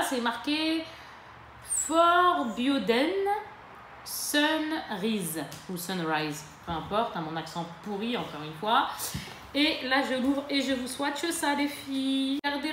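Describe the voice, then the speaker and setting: A woman chatting casually to camera in a beauty haul, lively and full of fillers and self-corrections. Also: sits high, normal speed. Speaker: beauty vlogger. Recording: echoey room with faint ambient noise.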